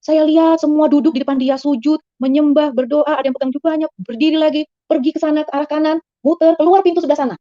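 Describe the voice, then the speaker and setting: A woman giving an earnest personal testimony, telling her story quickly and rising high and excited at times. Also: no room sound. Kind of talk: emotional spoken testimony. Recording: slightly dull, dry recording.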